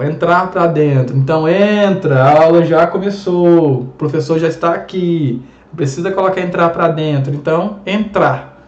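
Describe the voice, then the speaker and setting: A man with a Brazilian Portuguese accent teaching an online grammar lesson, lively and chatty, full of rhetorical questions. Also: fairly high pitch. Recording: echoey room, dull lo-fi sound.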